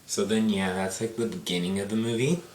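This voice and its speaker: A man's voice: fairly low pitch, steady tone, fairly quick, darkish tone, distant mic. A man casually retelling a movie in a rambling way, filling his talk with "like". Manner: rambling, heavy use of "like". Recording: roomy echo, faint noise.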